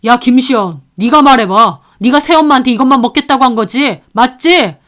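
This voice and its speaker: A woman's voice: high-pitched, sing-song, brisk, voice pushed up. Woman voicing sulky grown son, defensive, raised voice, audio story. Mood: defensive arguing. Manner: arguing, sulky.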